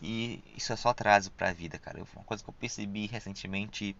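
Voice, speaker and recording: Young Brazilian man, low gravelly voice, shushing s, loose slangy solo podcast monologue; dry, muffled lo-fi recording. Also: quick pace, a bit bright. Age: young adult. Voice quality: hissing s sounds pronounced as sh. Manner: rambling and reflective, with frequent slang and fillers. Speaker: podcast host.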